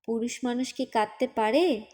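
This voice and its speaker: A woman's voice: on the high side, normal speed, darkish tone, husky. A woman voicing an earnest young uncle who pleads firmly with his sister-in-law in an audiobook. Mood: grave. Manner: pleading yet firm.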